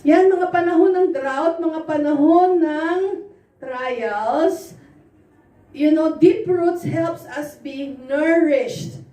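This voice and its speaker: A woman preacher giving an animated sermon full of personal stories, laughing often and acting out what people said. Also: high-pitched, very slow. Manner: animated, laughs often, acts out quoted dialogue. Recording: roomy echo, voice from far off.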